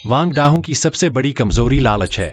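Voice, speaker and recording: A man's voice: mid-range voice, animated, moderate pace, no echo, lightly acted. A man dubbing a defiant young schemer. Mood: scheming. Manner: defiant, determined. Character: young shrewd man defying a bully. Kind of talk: dubbed drama.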